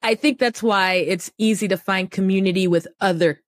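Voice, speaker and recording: A young woman from a Cameroonian family, raised partly in the United States, hosts a conversational podcast interview. She speaks animatedly and affirmingly in a mid-range voice at normal speed, often checking in with "right?", and the clean studio audio has no room sound.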